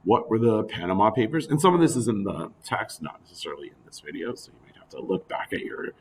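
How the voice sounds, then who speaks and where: A male teacher giving a recorded lecture in a conversational way with asides, his voice going hoarse. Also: fairly low pitch, sing-song, fast. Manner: conversational, with frequent fillers and asides. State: losing his voice.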